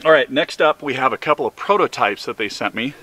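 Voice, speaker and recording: A man's voice: medium pitch, animated, brisk, bright, forceful tone, slightly rough, no echo. A man giving a casual, instructional product review in a folksy, informal way, repeating himself as he goes. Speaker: product reviewer of hunting calls.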